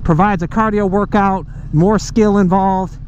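A man vlogging while riding a motorcycle, chatting excitedly and casually to viewers from his helmet mic. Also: sits high, a little slow, highs cut off. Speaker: motovlogger. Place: riding a motorcycle outdoors on city streets. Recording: helmet mic with road and engine noise. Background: engine and wind noise.

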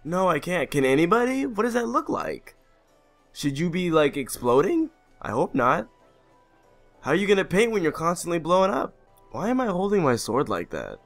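A man's voice: sits high, very animated, normal speed, faint music behind. A man giving comedic commentary while playing a game, sarcastic and profane.

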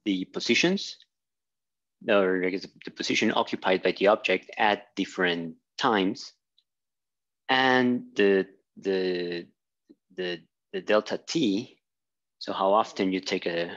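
A physics instructor lectures at a whiteboard in a small room, thinking aloud with fillers and restarts as he draws. His voice sits low with a fairly bright tone, and the recording is muffled.

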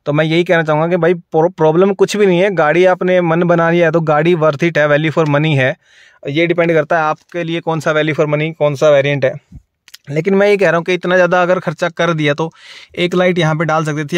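An Indian man in his thirties, a car vlogger, sits inside a car at night with a phone held at arm's length, casually reviewing its features. His voice is a little high with no echo, and he's chatty and repetitive, explaining as he shows things.

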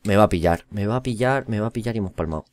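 A fairly low-voiced man from commentates his own gameplay live. He talks in an excitable rush, repeating short phrases over and over and jumping from shouts down to mutters. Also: racing. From Spain. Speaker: gaming YouTuber.

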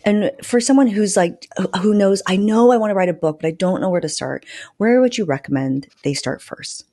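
Enthusiastic and informal, a middle-aged podcast host talks into a close desk mic with a fluffy windscreen in a room at home. Her medium-pitched voice is mellow and a little fast as she delivers a casual interview and podcast intro.

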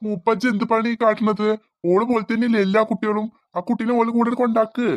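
A performer voicing a gentle, protective father in a cartoon, coaxing and soothing. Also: mid-range voice, little pitch movement, fast talker, no echo, clean studio sound, natural voice.

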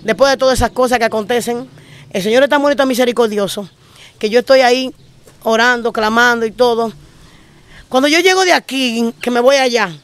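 A woman pastor with a Dominican Spanish accent, telling her testimony with emotion and repeating phrases in quick bursts. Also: a little high, dry recording. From Dominican Republic. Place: living in Spain.

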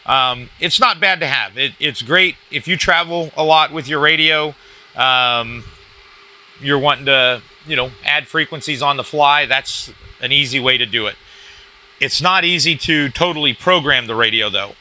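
A man giving a casual, hands-on product review in a halting, informal walk-through style. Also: mid-range voice, sharp tone, poor audio. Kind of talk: casual hands-on gadget demonstration. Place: indoors at a cluttered wooden desk.

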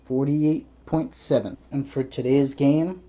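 A man's voice: medium pitch, steady tone, a little slow, warm tone, far from the mic, muffled recording. A young man hosting a challenge video, casually explaining things in a bathroom, a little away from the camera. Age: young adult. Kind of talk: casual explanatory vlog chat. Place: small tiled bathroom. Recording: echoey bathroom, away from mic.

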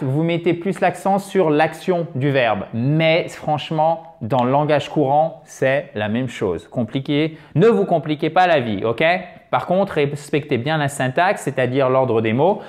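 A man teaching English phrasal verbs in a lively online lesson, checking in often and slowing down to model words. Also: a little high. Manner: lively, chatty, checks in with frequent "ok?".

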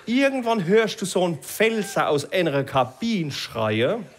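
A man's voice: high voice, very animated, a little slow. A male stand-up comedian with a Palatinate accent, chatting on stage and tagging sentences with gell. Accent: Palatinate German. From Palatinate, Germany. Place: live stage before an audience.

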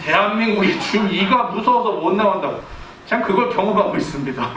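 A man in his forties, a pastor preaching a sermon who is lively and animated, quizzes the congregation and acts out family members' lines. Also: sits high, brisk, crowd noise. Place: church sanctuary. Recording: echoey church hall, distant mic, faint background hiss.

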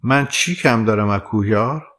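A man's voice: on the low side, fairly bright tone, lightly acted. A man reading an earnest, jealous young foreigner. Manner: earnest, plaintive.

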